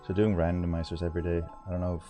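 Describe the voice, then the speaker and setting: Deep voiced gamer guy chatting thru his speedrun on stream, kinda rambly, music behind. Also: flat delivery, racing, warm tone. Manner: informal, rambling, thinking aloud. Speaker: speedrunner commentating own run. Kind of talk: casual livestream game commentary.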